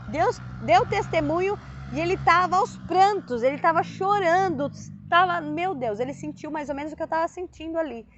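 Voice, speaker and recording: A woman from Brazil telling her conversion testimony in casual storytelling, emotional and animated, with sudden high exclamations. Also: dull audio. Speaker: vlogger.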